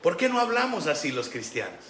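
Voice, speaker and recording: A pastor preaches with a somewhat high, bright, forceful voice, slipping into the voices of the people he quotes. The sound is roomy and echoey, with a faint hiss of background noise. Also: wildly swooping pitch, fairly quick. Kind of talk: sermon. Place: church sanctuary.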